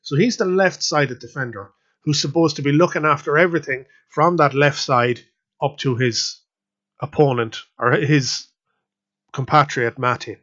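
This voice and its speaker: A man's voice: a little high, normal speed, a bit bright. A man hosting a podcast, giving a casual spoken match review that rambles with many fillers and restarts. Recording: slightly dull lo-fi sound.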